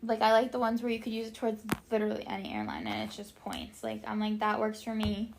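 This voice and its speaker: A woman's voice: a little high, very animated, fast talker, vocal fry, background noise. A young woman hosting a casual solo podcast, rambling and chatty, with lots of "like" and casual swearing. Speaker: podcast host.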